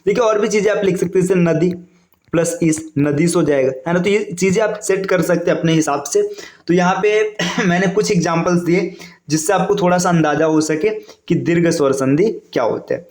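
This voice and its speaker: A man with a fairly high voice teaches an exam-prep grammar lesson from slides, walking through each point step by step and often checking in with his listeners. His voice rings around a reverberant room. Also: brisk, a little mellow. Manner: explains step by step, keeps adding "है ना" and "देखिए".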